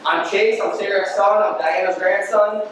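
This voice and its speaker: A man's voice: high-pitched, steady tone, normal speed, a bit bright. A young man speaking casually and bluntly at a family memorial, swearing freely. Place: church. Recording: echoey hall from far off with noise.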